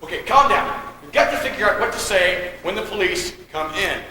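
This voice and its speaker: A man's voice: sits high, expressive, heavy background noise. A young man acting in a school stage play, playing a flustered, bossy man who snaps at the others. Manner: exasperated, bossy, fast-talking. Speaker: actor in a high school play. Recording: echoey school auditorium, long reverb.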